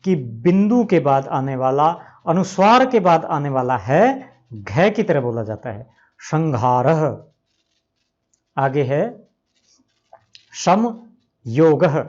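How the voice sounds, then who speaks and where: A man teaching Sanskrit grammar, explaining rules and slowly repeating each example word to model how it is pronounced. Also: fairly high pitch, sing-song. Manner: slow, repeats examples, stretches out words to pronounce them. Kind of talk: explanatory lesson. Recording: dull lo-fi recording.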